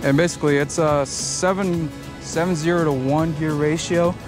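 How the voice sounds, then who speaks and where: A young man, chatting casually and excitedly while fishing from rocks at a park pond, rambling through explanations with lots of fillers. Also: fairly high pitch, normal speed, over music. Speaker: fishing vlogger. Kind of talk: casual outdoor fishing vlog. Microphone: head-mounted action camera.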